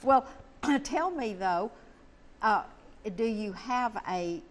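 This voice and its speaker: A woman's voice: a little high, animated, extremely slow. A woman hosting a conversational interview in a folksy manner. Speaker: interview host.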